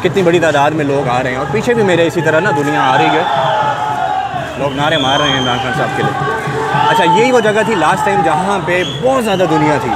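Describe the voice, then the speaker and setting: A young man giving a walking on-the-spot video report through busy city streets at night, with running commentary as he moves. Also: a little high. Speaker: vlogger reporting from a rally. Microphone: lapel mic. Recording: loud crowd and street noise. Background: loud crowd chanting, traffic.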